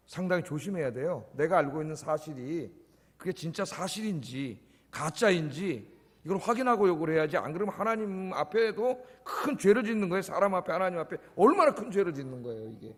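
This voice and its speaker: Male pastor with a high voice, preaching casually to the congregation. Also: expressive, fast. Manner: conversational preaching, often prompting the congregation with "예?". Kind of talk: sermon. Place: church service. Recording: echoey church hall.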